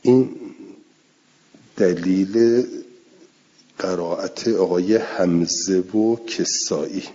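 In a dull, lo-fi recording, a man with a low, mellow voice teaches a lecture class, walking through recitation rules step by step and repeating his examples.

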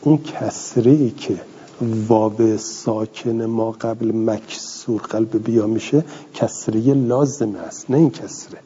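A man's voice: fairly low pitch, fairly even intonation, dark tone, slight background noise. A man teaching a grammar lesson, reading a text aloud and explaining it with questions he answers himself. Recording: dull lo-fi recording with long reverb.

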